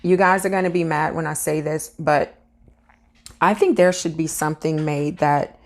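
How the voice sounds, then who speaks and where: A woman's voice: low voice, steady tone, moderate pace. A woman reading out a news story and then chatting earnestly to her viewers about it. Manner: earnest, addresses viewers directly. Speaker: vlogger.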